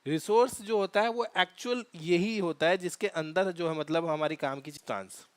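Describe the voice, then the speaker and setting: A man walks through a cloud tutorial on a screen share, pausing often on fillers and restarting his sentences. His voice sits fairly high and comes across smooth and resonant. The recording is close and dry. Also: dry recording. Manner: halting, many fillers and restarts. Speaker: DevOps tutorial instructor.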